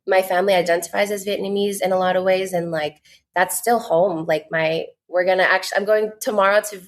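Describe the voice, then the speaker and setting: Brisk, steady, and mid-range in pitch, this woman in her 20s from the United States guests on a podcast. The content creator keeps the interview casual and earnest, sprinkling in plenty of "like."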